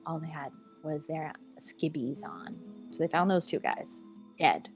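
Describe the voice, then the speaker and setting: A woman's voice: deep voice, lively intonation, a little slow, creaky. A young woman co-hosting a podcast, telling a story in a playful, chatty way with jokey asides. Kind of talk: casual storytelling chat. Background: soft background music.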